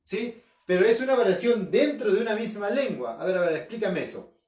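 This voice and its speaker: A male teacher with a Peruvian Arequipa accent talks high and swings his pitch widely. He keeps posing questions to himself and hammering home key terms. The sound is roomy and echoey, with his voice coming from well away from the mic. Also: lively intonation, a little fast, a little mellow. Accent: Peruvian Spanish, Arequipa. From Peru. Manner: asks himself questions and answers them, repeats key terms, checks in with "¿ya?". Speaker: school language teacher. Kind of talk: recorded home-learning class. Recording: roomy echo, voice from far off the mic.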